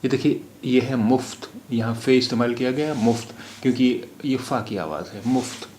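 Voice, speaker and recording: A man teaching Urdu pronunciation, repeating each word slowly for the learner to drill. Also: medium pitch, mellow, roomy sound, a little hiss or hum. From India. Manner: slow, repeats words for drill. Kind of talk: phonetics lesson.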